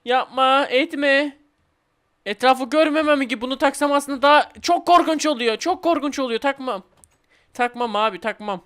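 A man's voice: very high voice, a bit bright. A man with a Turkish accent giving jumpy, exclamatory commentary while playing a horror game alone at home. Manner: jumpy, exclamatory, keeps calling viewers "abi"; translates in-game notes aloud in halting English and Turkish. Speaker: gaming YouTuber. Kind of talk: Let's Play commentary.

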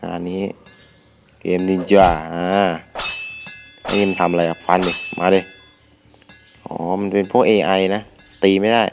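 A young man hosts his gaming channel in a low voice at a measured pace, pausing often over faint background music. He comments casually, crudely, and excitably as he plays, often talking to himself, though a sore throat keeps him from shouting.

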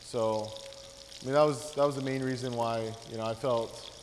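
This cooking demonstration features a thirty-something guest chef from Hawaii walking a class through a dish, speaking informally with frequent fillers and restarts. His mid-range voice holds a steady tone at a moderate pace, while the large teaching kitchen adds a long reverb tail and a noisy background.

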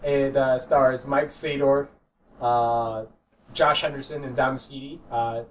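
A man's voice: medium pitch, fairly even intonation. A man co-hosting a casual podcast while drawing, teasing his friends and laughing often. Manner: teasing and giggly, quick to laugh. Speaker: podcast co-host. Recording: distant mic with faint room noise.

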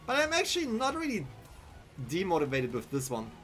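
With huge pitch swings, this young man's high-pitched, fairly bright voice moves briskly. He's a German-accented streamer in a small room using a headset, chattily narrating his game live, thinking aloud and answering chat over faint background music.

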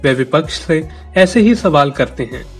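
A man reads a scripted news voice-over, steady and explanatory in tone. His voice sits a little above the usual male range. Faint music plays beneath the narration. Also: a little high, moderate pace, husky.

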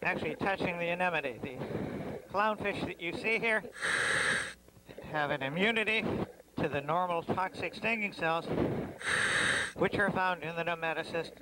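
A man narrates a dive through the microphone in his diving mask, and his voice sits rather high. The recording sounds distant and is full of steady noise. He talks in a calm, explanatory way. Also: normal speed, long pauses. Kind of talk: documentary-style narration.

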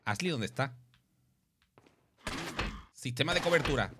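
A young man from Spain with a Spanish accent, commenting live on his gameplay, excitable, with loud outbursts and cursing. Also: mid-range voice, unhurried. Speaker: streamer. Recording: steady background noise.

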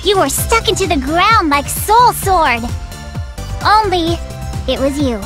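A woman voicing a sweet, cheerful, slightly scatterbrained teenage girl in an anime video game, with a cutesy, gentle manner. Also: very high voice, animated, takes it slowly, exaggerated voice. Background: children's-style music.

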